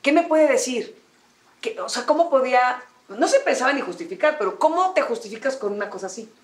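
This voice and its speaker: A woman with a Mexican accent, a guest telling a personal story in candid conversation and mimicking others with a high voice. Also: lively intonation, fairly quick. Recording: echoey room.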